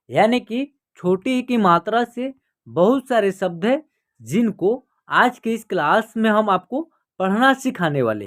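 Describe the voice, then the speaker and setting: A man teaching an online reading lesson, asking himself questions, answering them, and drawing words out slowly. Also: sits high. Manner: slow, drawn-out reading of words.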